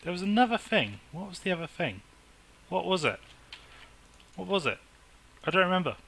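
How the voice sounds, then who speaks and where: A man commentating his own game, excitable and chatty as he talks himself through it. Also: high-pitched, moderate pace, creaky, slight background noise. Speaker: gaming YouTuber. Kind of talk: casual Minecraft let's play commentary.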